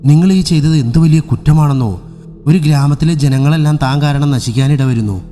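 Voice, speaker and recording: A man voicing a stern servant of a sorcerer, speaking gravely and reproachfully, lower than his narration. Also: moderate pace, warm tone, long reverb tail, faint music behind, lightly acted.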